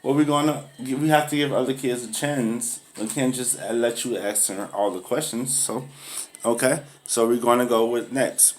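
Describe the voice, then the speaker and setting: A woman's voice: a bass voice, moderate pace. A woman playing a firm, patient schoolteacher. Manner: patient, corrective, lecturing on humility. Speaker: teacher. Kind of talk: comedy skit acting.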